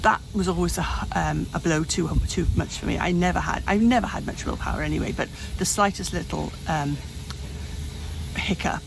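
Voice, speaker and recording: A fifty-eight-year-old woman vlogs candidly from a hot room at home, rambling and frequently restarting or correcting herself. Her voice is lowish and creaky at a moderate pace, with a noisy background.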